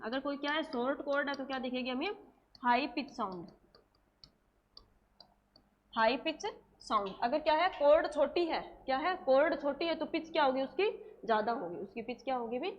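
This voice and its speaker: Woman teacher, high voice, repetitive question-and-answer drilling, slow dictation; slightly dull recording. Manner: slows right down to dictate English terms word by word. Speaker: nursing exam coaching teacher. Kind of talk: classroom lecture, dictating notes.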